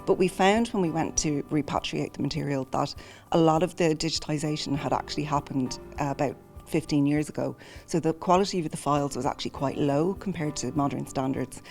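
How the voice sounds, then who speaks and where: A woman's voice: deep voice, fairly quick, vocal fry, a little mellow, soft background music. A woman speaking as an archivist, explaining things step by step in an interview. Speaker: film archivist.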